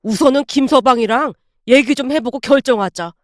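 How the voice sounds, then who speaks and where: A woman doing a calm older father. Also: sits high, brisk, dry recording, studio quality, lightly acted. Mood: soothing. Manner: quiet and soothing. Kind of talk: dramatized story narration.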